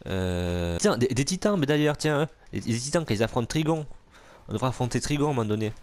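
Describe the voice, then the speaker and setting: A gamer casually narrates a let's play of a superhero video game, full of jokes, swearing and comebacks aimed at the enemies. His medium-pitched voice is animated and a little mellow, moving at a quick pace.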